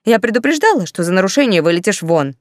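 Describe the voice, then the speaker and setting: Storybook figure: a stout, furious middle-aged woman warden, read by a woman, loud and scolding, dry. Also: fairly low pitch, brisk, dry recording, lightly acted. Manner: bellowing, scolding, repeating accusations.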